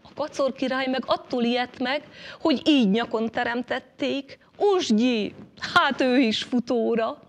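Female storyteller, animated folk tale narration, slightly high voice. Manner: lively, shifting pitch and loudness with the action.

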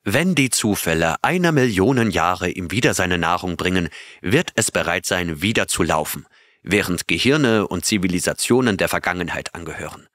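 An earnest male astronaut recounting his adventure to his crew in an audiobook, read by a man. His voice sits very low yet sounds forceful and bright, and it is recorded dry and close. He draws his listeners in with questions as he goes. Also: animated, moderate pace, no room sound. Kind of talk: audiobook reading of a character's tale.

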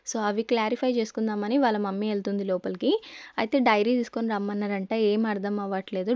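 A woman's voice: mid-range voice, warm tone, no echo. A young woman with a Telangana Telugu accent, narrating a family vlog in a chatty, storytelling way. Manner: chatty, storytelling with quoted asides. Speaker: family vlogger.

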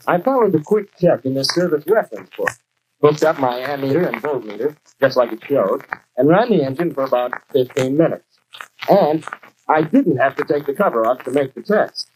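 An American actor playing a keen, plain-spoken young garage mechanic in scripted 1940s training film dialogue. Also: male voice, mid-range voice, expressive, normal speed, darkish tone, lightly acted. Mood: matter-of-fact. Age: young adult. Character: keen young male garage mechanic explaining his work. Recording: noisy 1940s film soundtrack.

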